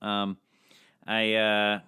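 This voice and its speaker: A man's voice: lowish voice, monotone, drawn-out words, pushed and bright, smooth. A man co-hosting a comedy podcast, chatting casually and jokingly, rambling with lots of fillers and restarts. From Scottish-Irish family heritage. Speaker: podcast co-host.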